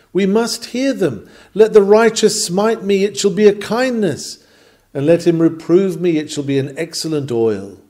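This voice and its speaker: A man with a warm, mid-range voice reads a scripted sermon, delivering it earnestly and oratorically, urging his listeners on with rhetorical force.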